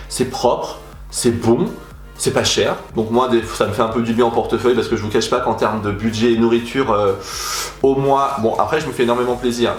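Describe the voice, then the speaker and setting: A young man chatting animatedly as a beauty vlogger, gushing about his favorite products in a casual review. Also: medium pitch. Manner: animated, chatty, exaggerated enthusiasm. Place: room at home. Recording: echoey room with faint music.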